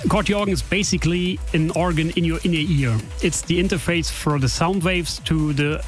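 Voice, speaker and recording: A man from Germany answering interview questions in a relaxed, unhurried way, with fillers here and there. His voice sits a little high. Faint music plays behind him. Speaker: music producer guest.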